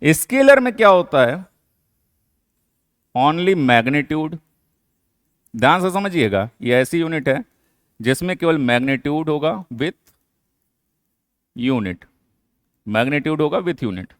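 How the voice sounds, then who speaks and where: A man's voice: a little high, sing-song, slow pace, pauses often, dry recording, clean studio sound. A man teaching a physics lesson, explaining step by step and answering his own questions. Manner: mixes English terms into Hindi. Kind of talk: classroom lecture.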